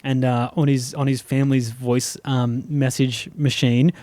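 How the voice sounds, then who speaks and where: A man's voice: medium pitch, little pitch movement, unhurried, dark tone, no echo. A man, a comedian co-hosting a podcast, chatting in a playful, teasing way. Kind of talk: casual chat.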